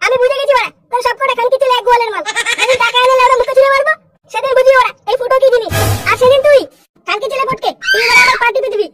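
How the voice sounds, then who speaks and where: A woman's voice: very high voice, steady tone, very fast, music in the background. A woman voicing a hot-tempered, boastful young village man in a cartoon, hurling coarse insults. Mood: defiant. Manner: shouting, coarse insults, bragging. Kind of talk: cartoon voice acting. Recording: clear background noise.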